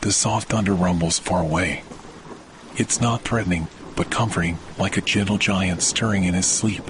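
In a deep, low voice, a man leads a scripted relaxation meditation with the soothing, measured pace of a sleep podcast host. A loud bed of rain on leaves and soft thunder runs clearly behind him, making the background noisy.

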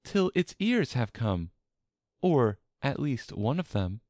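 A man's voice: mid-range voice, sing-song, takes it slowly, darkish tone, no room sound, clean studio sound, pitched above the performer's own voice. A man voicing a curious, fretful young girl in a storybook reading, with a prim, complaining tone. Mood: wondering.

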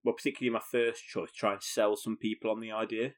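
A man's voice: fairly low pitch, flat delivery, fast. A man co-hosting a casual podcast, playful and teasing, often hesitating with fillers as he talks. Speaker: podcast co-host. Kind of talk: casual chat.

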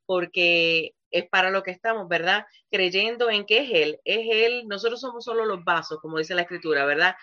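Woman pastor for a streamed ministry show: bright, forceful delivery over dull lo-fi audio. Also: fairly low pitch. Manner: fervent, keeps asking "¿verdad?". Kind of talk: live online ministry broadcast, prayer.

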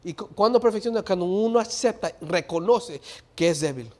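A middle-aged male preacher giving a sermon, moving from quiet talk to loud preaching shouts and slipping English words into his Spanish. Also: sits high, lively intonation, moderate pace.

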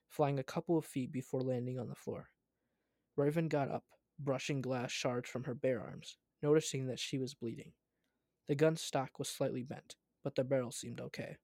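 A man's voice: mid-range voice, steady tone, normal speed, a little mellow, no echo. A man reading a story aloud, often stumbling and correcting himself as he goes.

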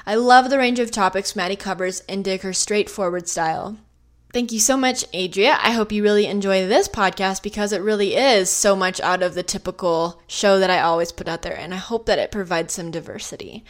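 A woman of middling pitch hosts a podcast with an upbeat, friendly delivery. She reads her own sponsor spots and a listener review, then turns to questioning her guest. Some words are drawn out slowly for emphasis. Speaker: podcast host. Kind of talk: podcast host reading ads and interviewing.

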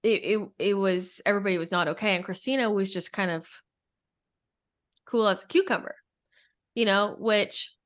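A woman's voice: mid-range voice, normal speed, long pauses. Rambling woman telling a spiritual story. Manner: rambling storytelling with frequent restarts. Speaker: podcast conversation partner. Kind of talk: casual spiritual podcast conversation.

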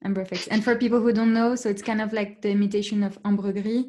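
A woman's voice: medium pitch, little pitch movement, quick pace, mellow. A woman hosting an interview, keeping it casual, agreeable and brief as she asks questions. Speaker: interviewer host.

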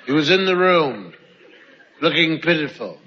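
A middle-aged man telling long stand-up stories, slow and drawn-out with sudden loud outbursts. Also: a little high, expressive, slight background noise. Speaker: stand-up comedian. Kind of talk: stand-up storytelling. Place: large theater stage. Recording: live show in a hall, dull sound, audience.

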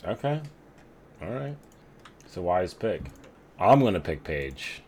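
A man's voice: deep voice, sing-song, slow pace, a crowd in the background. A man co-hosting a podcast, chatting casually and teasing dryly during a fantasy draft. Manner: dry, teasing. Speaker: podcast co-host.

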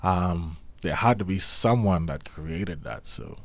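Low-voiced man chatting casually, close and dry. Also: no echo. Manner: informal, slangy, halting, thinking aloud. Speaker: podcast co-host. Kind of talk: casual chat.

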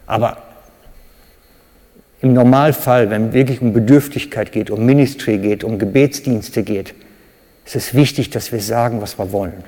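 German preacher in an echoing hall. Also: male voice, moderate pace. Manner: animated, acts out cries and quotes with sudden loud high bursts. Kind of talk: sermon. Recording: reverberant hall.

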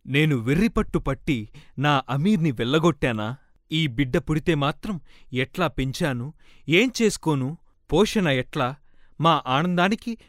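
A man with a slightly raised pitch narrates a novel for an audiobook. He reads the woman's first-person account with feeling, close to the mic in a dry, dead room. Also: fairly bright tone, no echo. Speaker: audiobook reader.

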